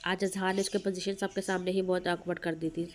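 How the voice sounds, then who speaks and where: A woman narrating an audio novel in a steady, scripted storytelling read. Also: fairly low pitch, fairly quick, slight background noise.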